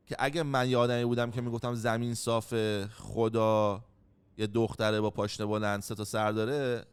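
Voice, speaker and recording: A man's voice: mid-range voice, smooth. A man from Iran telling a personal story in casual chat, blunt and heated, with plenty of swearing.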